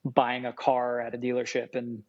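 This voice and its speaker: Speaking at a normal speed in a mid-range voice, a food scientist and chef raised with Farsi talks casually on a podcast as a guest. He rambles animatedly, full of fillers, and the recording sounds dull and lo-fi.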